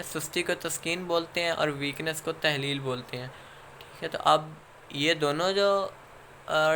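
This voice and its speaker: Speaking with a Pakistani accent, this male instructor delivers a lecture in a forceful, bright voice pitched fairly high. His explanation unfolds in steps, broken by filler pauses and frequent check-ins with the class. A soft hiss lies under the recording.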